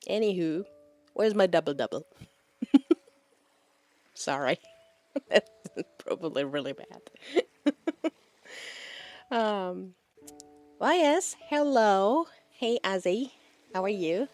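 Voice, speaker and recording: Slow-talking woman streamer. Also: mid-range voice, big pitch swings, darkish tone, soft background music. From Czech Republic. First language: Czech. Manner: rambling, laughs often. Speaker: VTuber streamer. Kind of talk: casual chat with live chat.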